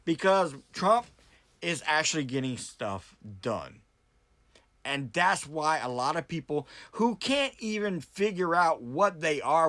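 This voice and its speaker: A man's voice: a little high, fairly bright tone, no echo. An American man giving an opinionated, unscripted monologue to viewers, blunt and emphatic, repeating points and asking rhetorical questions. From United States. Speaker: political commentary vlogger who hosts debates.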